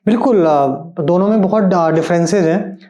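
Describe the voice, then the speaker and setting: A man's voice: sits high, moderate pace, dark tone, reverberant, dull audio. A man hosting an interview, asking long, searching questions. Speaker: interview host. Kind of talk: interview conversation.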